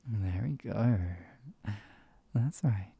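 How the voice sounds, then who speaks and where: A performer acting out a possessive hypnotist villain in an ASMR ASMR role-play. The voice is very dark and soft, with a breathy, husky edge. It coaxes and teases, murmuring and slipping into close speaks softly as if soothing a captive pet. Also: mid-range voice, extremely slow, no echo, full character voice. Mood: teasing, commanding.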